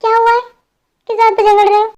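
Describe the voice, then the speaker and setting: A woman voicing a caring middle-aged mother in a fan dub drama, gently firm and concerned. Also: very high voice, little pitch movement, fast, muffled recording, pitched above the performer's own voice.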